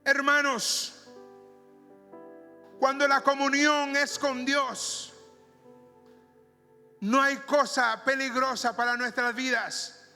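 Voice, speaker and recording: A male pastor preaching a sermon in a church, slow and emphatic, drawing out his phrases. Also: extremely high pitch, level tone, gravelly, bright, forceful tone. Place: church sanctuary. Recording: reverberant church hall with music behind.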